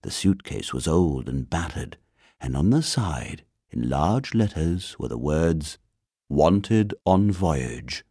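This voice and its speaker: A man reading a children's storybook aloud in an expressive storytelling manner. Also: a bass voice, measured pace, breathy edge, dry recording, clean studio sound. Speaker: narrator.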